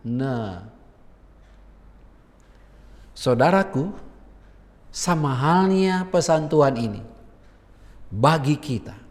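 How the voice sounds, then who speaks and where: Slow-preaching man in a reverberant hall. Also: fairly high pitch. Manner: conversational preaching with colloquial asides. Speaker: pastor. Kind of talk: sermon.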